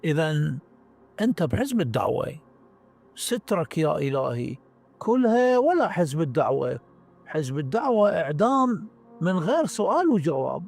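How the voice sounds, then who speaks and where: A man's voice: on the high side, big pitch swings, moderate pace, creaky, long pauses, a little mellow, faint music behind, exaggerated voice. A man reading the part of a menacing male security agent who drives a car, sneering and threatening in an Iraqi accent. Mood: suspicious. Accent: Iraqi Arabic. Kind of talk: dramatic story reading.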